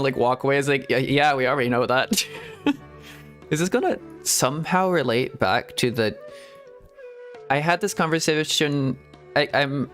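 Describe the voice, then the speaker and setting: Casually commentating on gameplay during a stream, a man with a medium-pitched, fairly bright voice rambles and giggles. He frequently trails off mid-thought and restarts.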